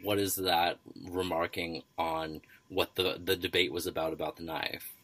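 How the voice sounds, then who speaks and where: A man hosting a casual study discussion, thinking aloud in halting phrases full of fillers and restarts. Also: deep voice, little pitch movement, a bit bright. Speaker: podcast host.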